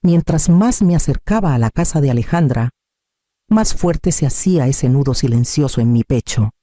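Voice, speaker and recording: A man reading a scripted first-person family drama in a calm, measured storytelling manner. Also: medium pitch, no echo, clean studio sound. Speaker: narrator.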